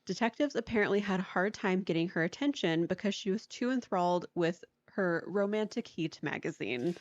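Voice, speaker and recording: A podcast co-host tells a story in a casual, chatty way, saying "like" a lot and laughing often. Her fairly low voice has lively intonation and a fairly quick pace. The recording is dry and dull lo-fi, with no room sound.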